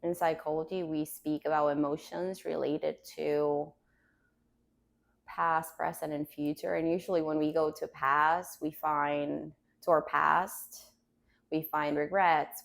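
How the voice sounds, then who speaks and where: Female meditation teacher, calm grounding delivery, very slow and gentle, some vocal fry. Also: low-pitched. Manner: calm, gentle instruction with unhurried pauses.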